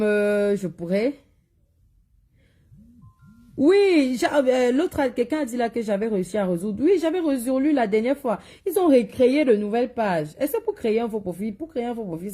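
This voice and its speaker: A woman's voice: medium pitch, mellow. A woman with a Cameroonian French accent selling spiritual products, talking bluntly in a live video and scolding viewers with repeated warnings. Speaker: seller of spiritual and cosmetic products. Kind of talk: live social media monologue.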